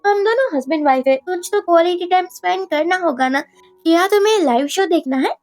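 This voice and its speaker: A woman's voice: extremely high pitch, lively intonation, fairly quick, darkish tone, no echo, soft background music. A woman voicing a young rich husband who talks in blunt commands. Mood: curt. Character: young rich husband, cold then clingy.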